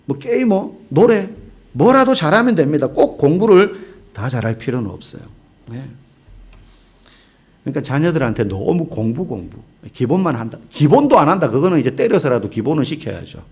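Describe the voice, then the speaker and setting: Male pastor, forties, conversational sermon; animated, slightly high delivery with loud-soft swings. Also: normal speed, slightly rough. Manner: conversational storytelling with humor, swings from loud to hushed. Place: church sanctuary.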